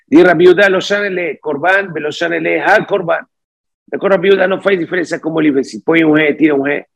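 A man with a gravelly, husky voice that sits a little high for a man. He teaches a text study lesson, reading phrases aloud and then explaining each one. Now and then he slips Portuguese words into his talk. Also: quick pace. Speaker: Talmud teacher.

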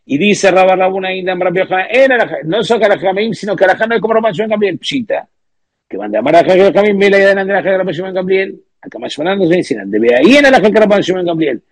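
Husky high-voiced man teaching a text. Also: animated, no room sound. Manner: reads out source phrases then explains them; halting, many restarts. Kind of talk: religious text lesson.

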